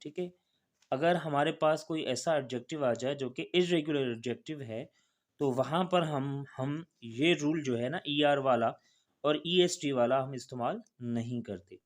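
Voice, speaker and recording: A man's voice: medium pitch, measured pace. A man teaching a grammar lesson in a patient, repetitive way, spelling words out letter by letter and often checking in with the listener. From Pakistan.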